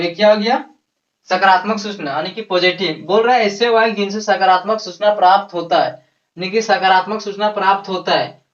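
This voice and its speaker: A man teaching an English grammar lesson, repeating each point and asking himself rhetorical questions, slowing down over example sentences. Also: sits high, a bit bright. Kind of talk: classroom-style grammar lesson. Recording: echoey, distant, dull lo-fi sound.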